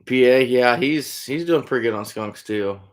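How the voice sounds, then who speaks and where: A man from Iowa, USA, with a mid-range voice at normal speed, hosts a live stream as a trapper. He answers viewers casually and in a laid-back way, calling chatters "buddy" and trailing off with "I don't know."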